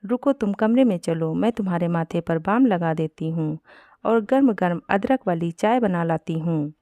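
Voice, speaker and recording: A woman's voice: fairly low pitch, animated, moderate pace, mellow, no room sound, close to an everyday voice. A woman voicing a kind, caring young bride in a Hindi storybook reading, talking in a sweet, fussing way. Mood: concerned.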